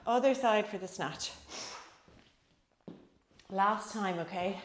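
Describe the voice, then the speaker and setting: A woman's voice: medium pitch, slow pace, a little hiss or hum. A middle-aged woman working as an aerobics instructor, coaching a home workout with encouraging short cues and countdowns while exercising herself. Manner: exerting while demonstrating exercises. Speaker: fitness instructor. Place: small indoor home gym. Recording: echoey small room, distant camera.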